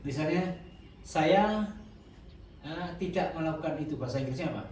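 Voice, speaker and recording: A man gives a relaxed, joking classroom lesson. His slightly high voice comes from far off, with a long echo from a large hall. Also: moderate pace, a little hiss or hum. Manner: relaxed, joking, mixes in Javanese. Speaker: Arabic teacher. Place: large echoey mosque hall.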